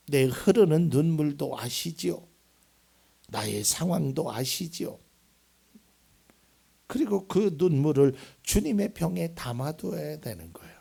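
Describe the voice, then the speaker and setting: A male pastor preaching a Sunday sermon, swinging between loud emphatic lines and soft, almost whispered ones. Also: medium pitch, creaky, slightly rough. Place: church sanctuary.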